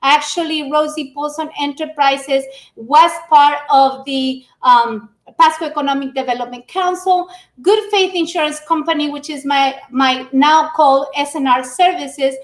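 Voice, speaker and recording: A middle-aged woman from Ecuador giving an energetic business presentation on a livestream, greeting the audience warmly. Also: high-pitched. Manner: energetic, warm greetings to the audience, spoken with restarts. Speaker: public speaker. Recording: echoey room.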